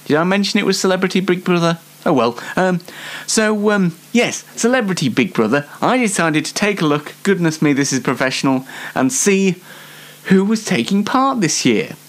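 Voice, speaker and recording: Hosting his own YouTube show, a twenty-year-old man rambles through a self-mocking comedic monologue with playful theatrics. His voice sits high and is expressive, at a moderate pace.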